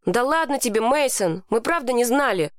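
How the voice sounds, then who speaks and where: A woman's voice: on the high side, lively intonation, moderate pace, no room sound, clean studio sound, voice pushed up, natural voice. A woman voicing a nervous, earnest young boy. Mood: placating.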